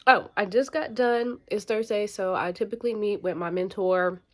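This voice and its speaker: A woman speaks at medium pitch and moderate pace in a rambling vlog for her viewers. She's a student at a bootcamp, and her casual talk is packed with fillers like "like" and "um."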